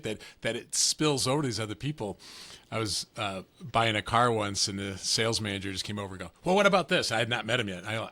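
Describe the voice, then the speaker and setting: Bright-voiced male podcast host, chatty. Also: fairly low pitch, no echo. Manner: chatty, tags thoughts with "right?", tells quick anecdotes. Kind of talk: casual interview conversation.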